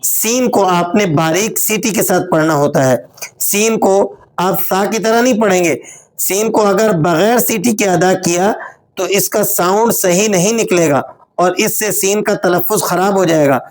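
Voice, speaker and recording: A woman teaching Quran reading. She spells out syllables slowly and drawn out, then explains the rules at a quicker pace. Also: medium pitch, a little mellow. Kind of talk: step-by-step recitation lesson.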